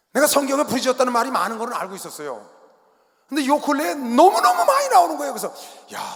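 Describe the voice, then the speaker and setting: High-voiced pastor shouting in a hall. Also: male voice. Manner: preaching with sudden shouts and quiet asides. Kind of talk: sermon. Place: large sports arena. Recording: long hall reverb from arena.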